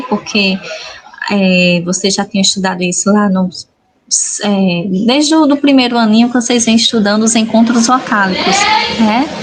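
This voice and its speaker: A woman's voice: a little high, slight background noise, low-quality recording. A woman teacher with a Brazilian Portuguese accent giving a recorded lesson to young schoolchildren, patiently spelling out syllables and checking in with "certo?".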